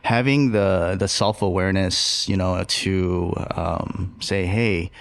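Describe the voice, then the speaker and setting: Here a man who cooks and co-owns a restaurant muses haltingly on a podcast, stumbling through fillers and restarts. His voice sits low with a steady, creaky tone, and the recording is dry.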